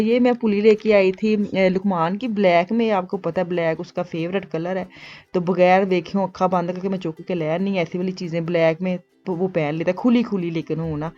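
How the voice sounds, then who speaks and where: A woman's voice: medium pitch, a little mellow, lo-fi sound. A woman in her thirties with a Punjabi accent, chatting casually in a shopping vlog and slipping between Hindi-Urdu and Punjabi. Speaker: vlogger.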